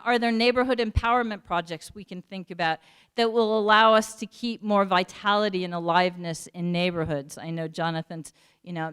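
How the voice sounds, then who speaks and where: A woman giving a community talk, earnest and searching for words with fillers and pauses. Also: medium pitch, clear, resonant tone. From United States. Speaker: panel speaker.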